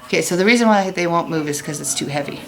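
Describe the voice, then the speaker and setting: A woman's voice: on the low side, quick pace, slight background noise, poor audio. A woman teacher reading a chapter aloud to her pupils and explaining it in a casual, chatty way. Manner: casual, chatty asides to students.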